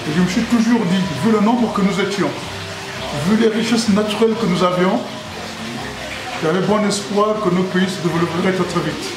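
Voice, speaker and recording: A man's voice: high voice, fairly even intonation, moderate pace, over music. A man in his sixties from Congo, a restaurant owner, answering interview questions in a jovial, rambling way that repeats itself, in his restaurant. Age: 60s. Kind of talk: casual interview. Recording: echoey room with loud background noise.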